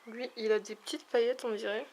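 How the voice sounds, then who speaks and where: A woman's voice: on the high side, fairly even intonation, a little fast, a little mellow, a little hiss or hum. A woman reviewing a makeup palette in a casual vlog, talking in a hesitant, chatty way with many fillers. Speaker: beauty vlogger. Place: at home, near a window with backlight.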